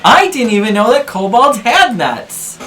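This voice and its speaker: A man's voice: very high voice, sing-song, measured pace, pushed and bright, far from the mic, slight background noise, voice pushed up, full character voice. A man doing a woman's voice, playing a breezy, casual patroness lady in a tabletop game. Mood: breezy, teasing.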